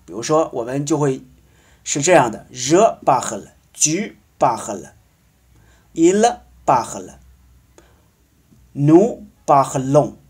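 A man teaching a French lesson, explaining patiently and slowly drawing out example words. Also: mid-range voice, a little mellow, breathy edge. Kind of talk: language lesson.

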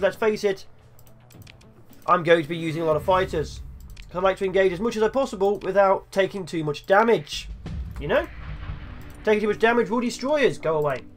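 A young man hosting a game let's play, chatting and joking to himself as he plays. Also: high voice. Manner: chatty, jokey, talks to himself while playing. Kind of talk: gameplay commentary.

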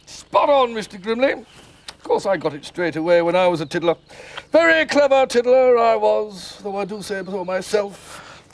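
A man's voice: sits high, animated, normal speed. A man playing a chirpy, self-satisfied children's show character.

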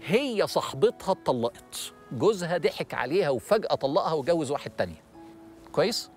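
A middle-aged man with an Egyptian accent giving a religious lesson to a studio audience, animated and asking questions. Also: on the high side, brisk, faint music behind. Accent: Egyptian Arabic. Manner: animated, asks the audience questions, acts out worried people. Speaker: religious TV host and lecturer.

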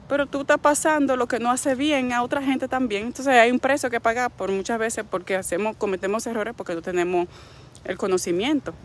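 A woman's voice: medium pitch, a little hiss or hum. A middle-aged Dominican woman speaking with a Dominican Spanish accent, a wellness coach giving a frank, preachy, faith-based motivational talk. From Dominican Republic.

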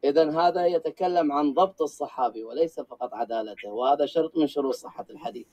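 A man making a formal religious argument on a debate panel, measured and scholarly. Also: on the high side, a little mellow, poor audio.

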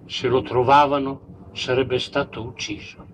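A man's voice: mid-range voice, flat delivery, measured pace, slight background noise, poor audio. A man with a Romagnol accent, a comic storyteller who retells a classic love story on a live stage and playfully mixes dialect with standard speech. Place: outdoor village festival stage.

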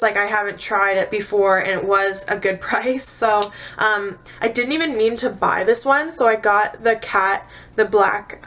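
A young woman from Canada talks through her beauty haul in a loose, rambling way, full of fillers and half-finished restarts. She sounds tired, her voice sitting at an ordinary middle pitch. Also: a bit bright. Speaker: beauty vlogger. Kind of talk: casual haul video chat.

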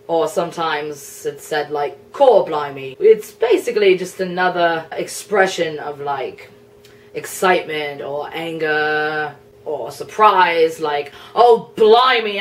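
A woman's voice: fairly low pitch, far from the mic. A woman playing England, a prickly young male nation personified, in a chatty, explanatory cosplay Q&A. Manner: chatty, explanatory, a bit flustered, laughs often. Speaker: cosplayer answering viewer questions. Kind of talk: in-character cosplay Q&A.

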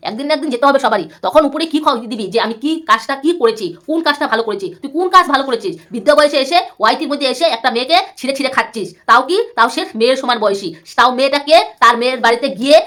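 Woman vlogger, angry roast rant, insulting and repetitive; rapid, high delivery. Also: bright, forceful tone. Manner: scolding, insulting, repeats herself a lot. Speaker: YouTuber.

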